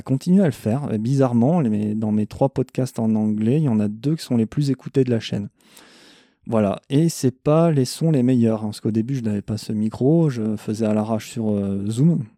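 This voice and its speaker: Male metal podcast host, irreverent and crude, very dark mellow tone, dry close sound. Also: medium pitch, no echo. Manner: blunt, irreverent, swears freely. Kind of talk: casual monologue answering questions.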